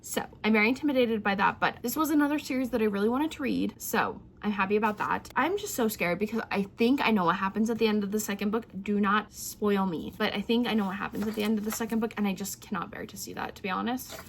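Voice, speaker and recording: A young woman talking casually to viewers as a book vlogger, in an excited, rambling, giggly way, keeping her volume down a little. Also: medium pitch, fast talker, few pauses. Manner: hushed, holding volume down for sleeping child. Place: indoors at home. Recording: clear heater hum behind voice.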